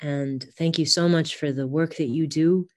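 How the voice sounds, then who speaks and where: A woman's voice: deep voice, steady tone, normal speed, a little mellow. A woman, talking casually as a guest in an interview. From California, United States. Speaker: podcast guest, author.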